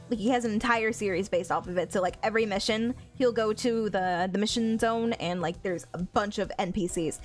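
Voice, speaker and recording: A woman chatting casually with viewers on a game livestream in a cute, bubbly anime-streamer manner. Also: mid-range voice. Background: video game music.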